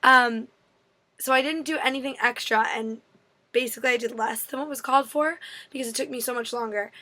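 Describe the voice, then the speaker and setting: A woman in her twenties with a hoarse, worn-out voice, chatting casually and apologetically in a rambling Q&A vlog. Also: fairly high pitch, steady tone, brisk, bright, forceful tone. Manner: apologetic, rambling, self-deprecating. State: voice strained and partly gone. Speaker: fitness vlogger. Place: indoors in an apartment.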